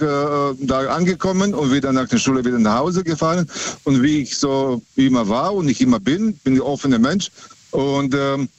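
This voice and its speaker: A man's voice: medium pitch, gravelly, no echo. Middle-aged male caller heard over the phone, hesitant, from Serbia; dull, dry line. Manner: hesitant, halting with many filler sounds. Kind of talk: casual chat.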